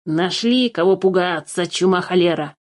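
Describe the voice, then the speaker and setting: A woman's voice: on the low side, lightly acted. Woman putting on a sly wheedling dwarf. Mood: grumbling. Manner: wheedling, mocking, drawn-out. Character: sly greedy male dwarf, cave treasure keeper.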